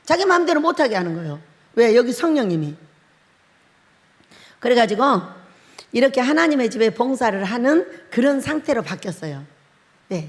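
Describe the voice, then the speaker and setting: A middle-aged woman pastor preaching a sermon, telling a personal story with lively acted-out shouts and frequent laughter. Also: fairly high pitch. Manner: animated storytelling, acts out her own shouting and crying, laughs often. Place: church hall. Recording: long hall reverb.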